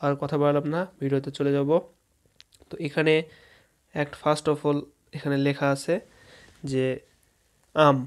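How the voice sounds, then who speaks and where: A man's voice: fairly high pitch, monotone, a little slow, pauses often. A man whose first language is Bengali, teaching English fruit names in a casual spoken lesson and spelling words out letter by letter to his viewers.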